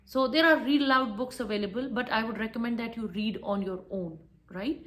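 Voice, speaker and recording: A woman delivering an English lesson in a firm, instructive way. Her voice sits a little high, and she repeats her main points so they stick. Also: brisk, fairly bright tone. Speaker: English teacher. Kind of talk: spoken lesson to camera.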